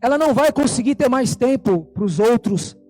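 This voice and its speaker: A man preaching a sermon, fervent and emphatic, slowing down on key phrases and telling a story. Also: very high voice, expressive, dark tone, faint music behind.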